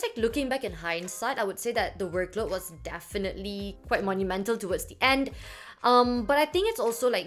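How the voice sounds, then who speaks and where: A young woman vlogger with a mid-range, fairly bright voice chats casually to camera about her work experience, filling her speech with "like" and "um". French is not her first language.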